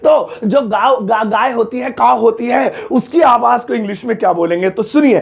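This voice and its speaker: A man's voice: very high-pitched, moderate pace, creaky. A man giving a playful, jokey spoken English lesson, now and then mimicking animal sounds. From India. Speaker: English teacher.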